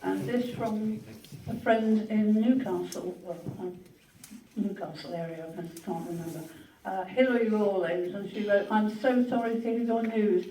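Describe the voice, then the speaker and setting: The host of a memorial gathering reads written tributes and introduces the next speakers. The delivery is gentle and unhurried, with small hesitations. The voice comes from some distance in an echoing hall, with faint background hiss. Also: medium pitch.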